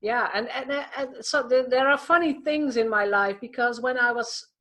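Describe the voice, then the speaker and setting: A woman from the Netherlands with a Dutch accent, a coach chatting as an interview guest, telling stories with lively restarts. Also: on the high side, moderate pace. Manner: lively storytelling with frequent restarts. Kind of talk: casual interview chat.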